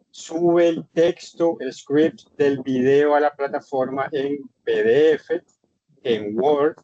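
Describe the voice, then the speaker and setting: A man's voice: on the high side, a little mellow. A man lecturing in an online English class, explaining instructions with emphatic repetition. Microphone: computer mic in online session. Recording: dull lo-fi online session audio.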